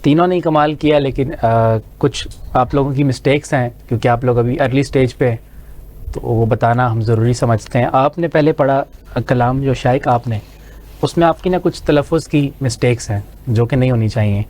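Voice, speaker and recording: A man's voice: medium pitch, a little mellow. A man judging a children's recitation contest on a studio show, patiently correcting their pronunciation.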